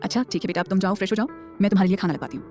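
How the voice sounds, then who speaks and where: Mother role: woman voicing a gentle, affectionate middle-aged mother, lowered voice, mellow tone. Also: rapid-fire, faint music behind, close to an everyday voice. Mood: kind.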